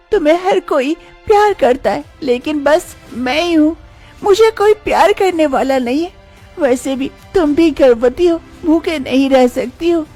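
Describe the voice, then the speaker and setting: A woman's voice: high-pitched, a little mellow, pitched above the performer's own voice. A woman voicing a sad, unloved young daughter-in-law in a storybook tale, speaking in a plaintive, self-pitying lament. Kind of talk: storybook character voice.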